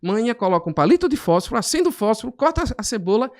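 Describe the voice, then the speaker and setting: A middle-aged man, a chemistry teacher, telling animated classroom stories as a podcast guest. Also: sits high, fast talker. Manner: animated, acts out classroom scenes. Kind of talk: storytelling in a podcast conversation.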